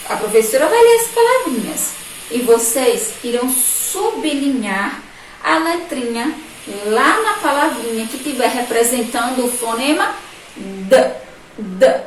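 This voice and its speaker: A woman teacher with a Brazilian Portuguese accent giving a remote lesson to young children, spelling words out slowly, syllable by syllable. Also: a little high, slight background noise. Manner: slow, syllable-by-syllable teacher talk with diminutives. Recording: echoey distant room mic, faint ambience.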